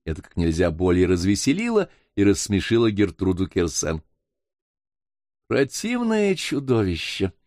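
Expressive male audiobook narrator. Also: deep voice, a little fast, few pauses, dry recording, studio quality.

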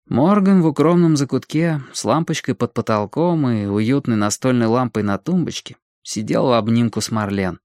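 A man reading an audiobook in a calm, even storytelling manner. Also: mid-range voice, moderate pace, few pauses, no echo, studio quality. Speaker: audiobook narrator. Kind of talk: audiobook narration.

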